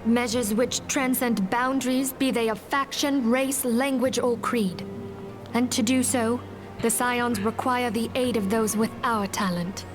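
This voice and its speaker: A woman's voice: a little high, steady tone, over music, natural voice. A woman playing a solemn leader of an order. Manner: formal, measured, archaic phrasing. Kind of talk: game voice acting.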